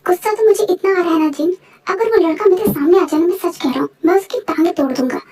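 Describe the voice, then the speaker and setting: A woman's voice: very high-pitched, quick pace, dark tone, distant mic. A woman voicing a protective, hot-tempered middle-aged father in a fan voice-over drama. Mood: angry. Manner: stern, protective.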